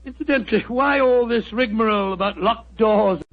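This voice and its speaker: A man's voice: high-pitched, brisk, close to an everyday voice. Man playing bumbling Doctor Watson, old radio. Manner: hesitant, flustered, bumbling. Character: Doctor Watson, earnest gentle middle-aged English doctor. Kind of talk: 1940s radio acting. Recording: muffled old 1940s radio broadcast.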